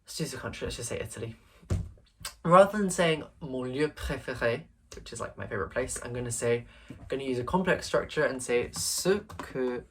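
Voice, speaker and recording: Animated and brisk, a young man's mid-range, slightly bright voice carries over slight background noise. A late-teen language tutor from England, he thinks aloud through an exam paper in a screen recording, with many fillers and hesitations.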